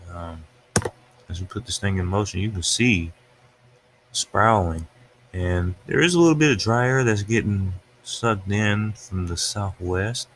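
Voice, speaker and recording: A male weather livestreamer with a fairly low, lively voice talks at normal speed over a webcam from an upstairs room at home. His commentary is casual and unscripted as he narrates what's on his screen, with slight background noise.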